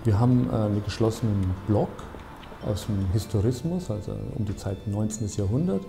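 A man in his fifties, an architect, explaining his building in a measured, thoughtful interview with frequent hesitations. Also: fairly low pitch, gravelly, music in the background. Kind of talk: documentary interview. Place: bright office, seated at a desk.

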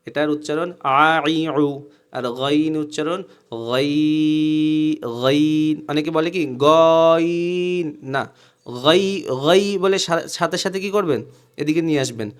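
A man's voice: on the high side, takes it slowly. A man teaching Quranic letter pronunciation in a recorded class, drilling each sound by repeating it and explaining where the tongue goes.

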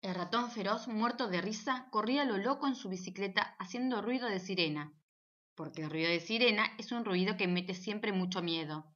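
A woman's voice: mid-range voice, normal speed. Woman, storybook narration, playful, dull lo-fi recording. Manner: animated and playful. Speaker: audiobook narrator.

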